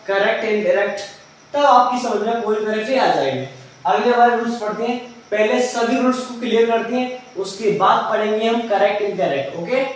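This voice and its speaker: High-voiced male teacher in echoey room. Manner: asks his own questions and answers them; explains step by step, mixing in English terms. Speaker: English grammar teacher. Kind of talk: classroom lesson. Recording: very echoey room, mic far off, faint noise.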